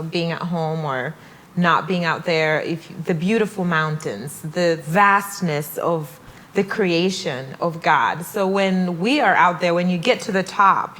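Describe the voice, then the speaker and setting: A woman's voice: fairly low pitch, fairly bright tone, poor audio. A young woman from Malawi, speaking reflectively as an interview guest. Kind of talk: casual interview conversation.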